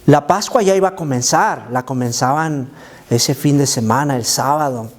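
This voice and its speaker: A man who is a children's pastor, telling a Bible story to kids in an animated, emphatic way and slipping English words into his Spanish. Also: medium pitch, moderate pace. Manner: animated and emphatic, inviting listeners to imagine.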